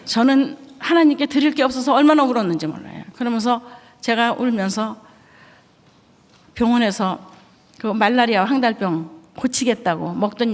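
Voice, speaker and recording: Older woman, missionary preacher, emotional testimony, long church hall echo. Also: mid-range voice. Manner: emotional, storytelling with quoted dialogue. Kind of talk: testimony sermon. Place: church sanctuary.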